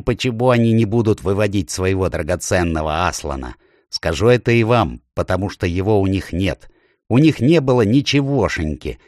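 A man's voice: deep voice, darkish tone, no room sound, studio quality. A man voicing a scornful male dwarf chief who jeers and mocks, in a storybook reading. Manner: mocking, jeering.

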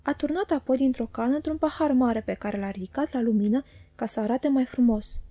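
Woman audiobook narrator, measured storytelling, slightly high voice, dark mellow tone, dry close sound. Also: no echo, dull audio. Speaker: audiobook reader. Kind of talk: narrating a classic novel.

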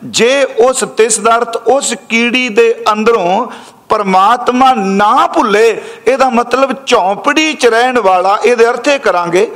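A man delivers a katha sermon in a notably high voice. He teaches patiently, pausing to repeat each key phrase slowly before explaining it. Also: a bit bright. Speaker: Sikh preacher giving scripture exposition.

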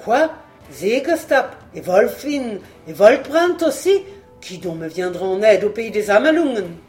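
An audiobook reader voicing a grieving, proud male warrior king who laments loudly. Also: medium pitch, moderate pace, soft background music, close to an everyday voice. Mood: lamenting. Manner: lamenting, emphatic. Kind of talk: audiobook reading.

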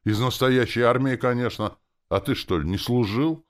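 A man's voice: mid-range voice, moderate pace, voice pushed up, close to an everyday voice. A man doing a wheezy zombie soldier. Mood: smug. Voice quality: wheezy, hissing. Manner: self-assured, condescending. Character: wheezing undead zombie soldier, male, bossy drill-lover.

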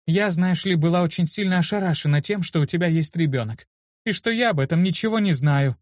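A man's voice: fairly high pitch, a little fast, a little mellow, dry recording, voice pushed up, natural voice. A man voicing a hot-tempered young woman healer in a story reading, with a dull, dry recording. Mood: flustered.

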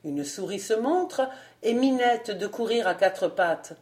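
Slow, measured woman narrator. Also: medium pitch, expressive, darkish tone. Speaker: audiobook narrator. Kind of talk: scripted narration of a classic novel.

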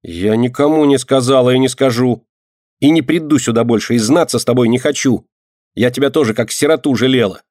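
A man's voice: a little fast, a little mellow, no echo, studio quality, natural voice. A man reading an audiobook and voicing a small, stubborn girl who cries easily, in a raised, pleading voice. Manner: pleading, tearful, raised higher voice.

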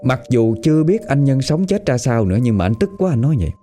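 A man with a Southern Vietnamese accent telling a story in a lively, conversational way. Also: medium pitch, fast talker, faint music behind. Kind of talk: spoken storytelling.

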